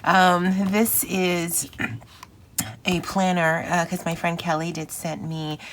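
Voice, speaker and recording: A woman's voice: fairly low pitch, little pitch movement, takes it slowly, a bit bright, a little hiss or hum. A woman with a phlegmy, rattly voice from morning congestion, hosting a casual, chatty craft vlog in an informal, rambling way. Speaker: planner channel host.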